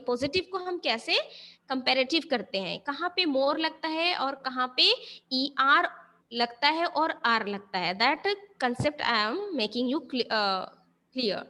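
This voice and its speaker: Slow, bright-voiced woman teacher. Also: high-pitched. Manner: mixes Hindi and English, repeats and checks if students understood. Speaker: school teacher. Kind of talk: online class teaching English grammar.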